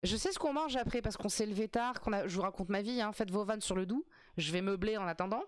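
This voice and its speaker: A woman's voice: medium pitch, quick pace, no room sound, clean studio sound. A woman streaming live, reacting to a game show in casual chat, joking with her viewers and swearing often. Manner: chatty, swears, laughs often, jokes with chat.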